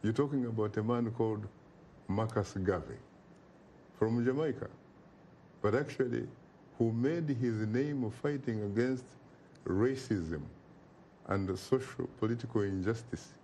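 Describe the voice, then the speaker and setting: A Ugandan man, appearing as an interview guest, speaks in a mid-range, slightly mellow voice, a little slow and with frequent pauses. His delivery is impassioned and oratorical, repeating phrases for emphasis, with slight background noise behind him.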